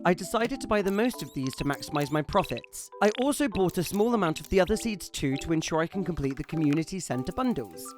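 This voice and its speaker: A man with a notably high voice narrates his farming game in a scripted voice-over, full of playful, theatrical asides. Soft music plays quietly underneath. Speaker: gaming channel host.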